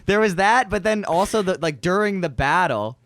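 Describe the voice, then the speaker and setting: A man's voice: sits high, animated, normal speed, fairly bright tone. A man chatting casually on a podcast, telling stories in informal, slangy speech. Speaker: podcast participant, musician.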